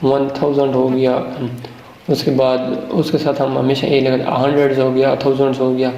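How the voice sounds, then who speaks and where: A man's voice: medium pitch, completely flat delivery, warm tone, lo-fi sound, a little hiss or hum. Man teaching grammar in an echoey room. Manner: explains, then poses questions to the viewer and answers them himself; reads English example sentences slowly and deliberately. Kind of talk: classroom-style grammar lesson.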